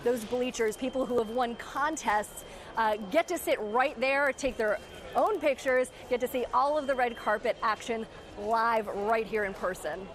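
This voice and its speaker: An American woman giving a live entertainment news report as a TV reporter, explaining things in a chatty, animated way. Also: on the high side, a little slow. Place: outdoors on a covered red carpet.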